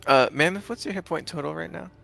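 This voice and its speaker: A man's voice: fairly high pitch, fast, gravelly, fairly bright tone, faint music behind. A man narrating a tabletop game as game master, casual and given to swearing. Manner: casual, profane.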